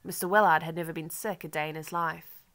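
A woman narrating a first-person literary audiobook in a measured, wry manner. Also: sits low, steady tone, fairly bright tone.

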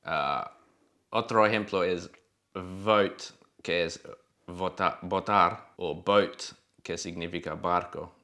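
A man's voice: sits low, takes it slowly, sharp tone. A man patiently explaining pronunciation differences in a casual chat. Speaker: co-host correcting pronunciation.

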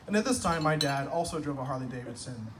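A man's voice: medium pitch, expressive, fast talker. A young man giving a humorous best-man toast at a night-time garden wedding reception, telling stories in a wry, self-deprecating way and landing punchlines. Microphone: far camera across the lawn. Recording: distant phone video with ambient noise.

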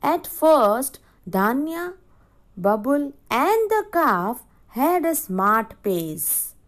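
Woman teacher, story reading for schoolchildren: slow, explanatory, fairly high voice. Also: sing-song. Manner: slow and explanatory, stops to define words for children. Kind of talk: reading a story aloud in an English lesson.

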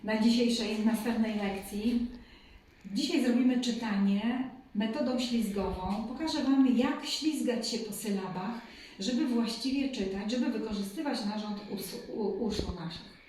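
A woman teaching preschoolers to read, sounding out syllables slowly in a sing-song way. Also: on the high side, a little mellow, slight background noise. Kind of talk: reading lesson for children. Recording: echoey room, voice from a distance.

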